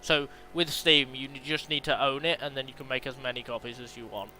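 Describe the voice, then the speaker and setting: A man's voice: mid-range voice, steady tone, brisk, pushed and bright, low-quality recording. A man chatting as a co-driver in a sim race, playful, laughing often and giving calls on fuel and pit stops. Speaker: co-driver and teammate. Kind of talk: casual team radio chat.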